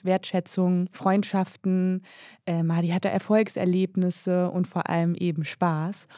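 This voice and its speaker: Woman reporter, podcast, mellow and a bit low, explains fluently, dead dry recording. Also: dry recording. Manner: fluent, explanatory, with occasional "äh" fillers. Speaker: reporter and documentary filmmaker. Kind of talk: podcast conversation and narration.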